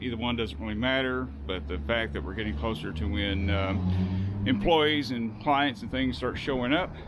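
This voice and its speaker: A man's voice: lowish voice, normal speed, heavy background noise. Southern man vlogging outdoors. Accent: Southern American. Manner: chatty, explains as he works. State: out of breath. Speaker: vlogger spreading ice melt. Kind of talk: casual vlog narration. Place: outdoors in parking lots, cold.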